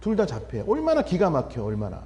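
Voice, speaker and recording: A middle-aged man preaches in a big church hall, and a long reverb trails behind every line. His voice is high for a man and rushes along, swinging wide from shout to murmur as he acts out family quarrels for the congregation. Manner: animated preaching with sudden loud and soft swings, acting out family dialogues. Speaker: pastor. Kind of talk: revival sermon. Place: church sanctuary.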